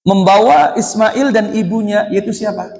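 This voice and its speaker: A man's voice: high voice, normal speed, vocal fry, a little mellow. A man with an Indonesian accent giving a mosque study lecture, who asks his listeners questions and then answers them himself. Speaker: Islamic teacher. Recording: echoey hall.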